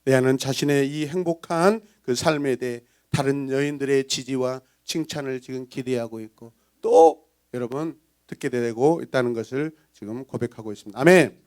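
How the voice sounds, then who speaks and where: A man preaching a Sunday sermon as pastor, animated and dramatic, acting out voices and breaking into song. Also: medium pitch, moderate pace, smooth. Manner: animated preaching, bursts into sung praise; acts out villagers' gossip in voices.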